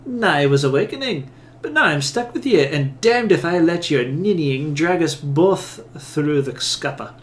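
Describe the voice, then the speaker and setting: A man voicing a fiery awakened soul, a woman, snarling and slow. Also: fairly high pitch, expressive, a little hiss or hum. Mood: scornful. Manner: snarling, drawn-out. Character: fiery awakened female soul, Scottish-tinged.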